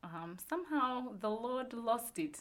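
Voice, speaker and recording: A woman's voice: on the high side, lively intonation, a little slow. A woman hosting a podcast, chatting casually and laughing often, with plenty of fillers. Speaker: podcast host. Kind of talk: casual chat.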